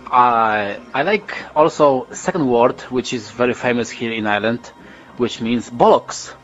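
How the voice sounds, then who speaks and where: A man's voice: medium pitch, measured pace, fairly bright tone, dull audio, faint music behind. A man with a Polish accent chatting on a podcast, explaining slang words and quizzing the others. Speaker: podcast co-host. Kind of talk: casual chat.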